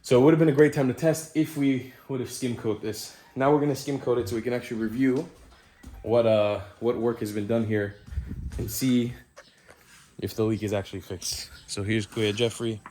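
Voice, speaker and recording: A man's voice: moderate pace, slight background noise. A young man casually narrating a vlog, explaining repairs and chores. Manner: loud pitched-up dog commands; relaxed explaining tone. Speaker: vlogger.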